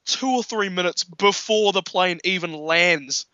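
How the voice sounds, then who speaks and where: A man in casual film chat, animated, laughing often and acting out quotes. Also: high-pitched, a little slow, clear, resonant tone, dry recording, muffled recording.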